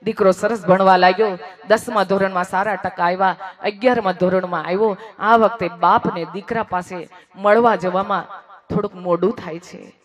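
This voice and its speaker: A speaker telling an emotional moral story, swinging between hushed passages and raised, emphatic lines and repeating phrases for effect. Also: medium pitch, fairly even intonation, moderate pace.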